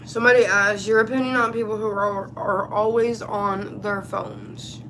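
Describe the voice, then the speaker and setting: A woman with a medium-pitched voice chats casually to her livestream while eating, sometimes with her mouth full. She sounds tired as she answers questions in an informal way. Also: steady tone, moderate pace, fairly bright tone, slight background noise, low-quality recording. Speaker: live streamer.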